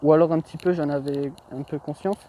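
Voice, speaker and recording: A man's voice: on the high side, steady tone, fast talker, mellow, a little hiss or hum. A young man telling anecdotes in a rambling, slangy, self-mocking vlog, full of hesitations. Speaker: vlogger. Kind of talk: casual storytelling vlog.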